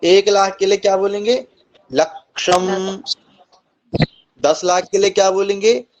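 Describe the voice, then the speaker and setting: A man teaching Sanskrit numbers in an online coaching class, reciting slowly and deliberately and often checking in with his students. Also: sits high, steady tone, darkish tone. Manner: slow, deliberate recitation with frequent "ठीक है?" checks. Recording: slightly dull lo-fi recording.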